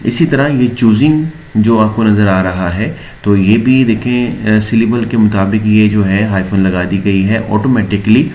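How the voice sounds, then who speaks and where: A man explaining a word processor step by step in a screen-recorded tutorial, pausing often with filler sounds. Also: on the low side, slight background noise. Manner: steady explaining with frequent filler pauses. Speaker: computer teacher.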